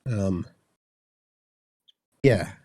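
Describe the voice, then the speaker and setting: A man in his twenties with an Australian accent co-hosts a podcast, rambling through casual chat with plenty of fillers and sounding congested, like he has the flu. His voice is low, warm and very slow, with no room sound.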